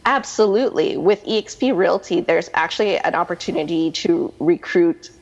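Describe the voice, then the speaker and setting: A woman's voice: on the low side, moderate pace, long reverb tail, muffled recording. A woman in her thirties with a Canadian accent, answering interview questions in a chatty, rambling way full of restarts and fillers. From Canada, Manitoba. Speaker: guest, realtor.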